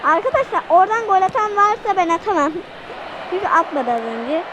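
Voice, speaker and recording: A woman giving excitable let's-play commentary, shouting at the game and talking to her viewers. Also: extremely high pitch, brisk, lo-fi sound, noisy background. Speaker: gaming channel host.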